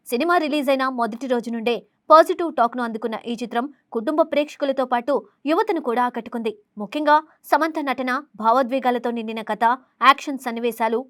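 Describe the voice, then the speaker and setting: High, brisk woman reading film news. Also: no room sound, studio quality. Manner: formal reading delivery. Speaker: entertainment news narrator. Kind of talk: scripted film news narration.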